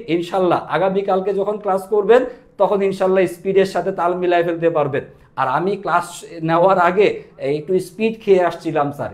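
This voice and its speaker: A young male accounting teacher runs a live online class with a high, light voice. He fires questions at his students and answers them himself in a quick, drilling rhythm. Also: darkish tone.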